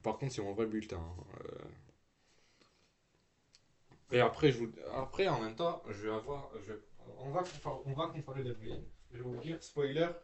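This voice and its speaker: A teenage boy streams from his room, talking to his viewers in loose, slangy speech. He swears freely and keeps restarting his sentences, trailing off into fillers as he clicks around. His voice sits at an ordinary middle pitch for a young man. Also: normal speed, a crowd in the background. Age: teens. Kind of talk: casual live-stream chat.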